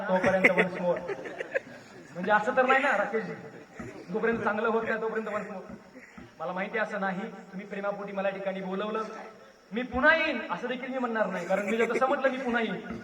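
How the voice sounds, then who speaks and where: A man from Maharashtra giving a rousing public lecture on history, a storytelling orator with a booming delivery. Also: quick pace, a crowd in the background. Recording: echoey hall, voice far from mic.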